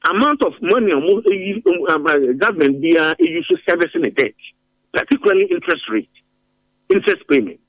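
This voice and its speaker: A Ghanaian policy analyst offers emphatic commentary in a radio studio interview, repeating phrases for force. His voice sits high and is very animated, fairly quick in pace. The audio has no room sound, and its highs are cut off.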